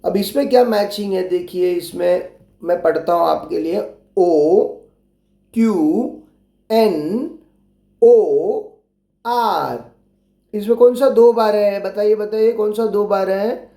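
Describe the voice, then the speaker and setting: A man's voice: high-pitched, steady tone, normal speed, vocal fry, mellow. A man teaching young children, patiently spelling out letters and repeating his prompts. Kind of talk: explaining a workbook lesson to young children. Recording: roomy echo.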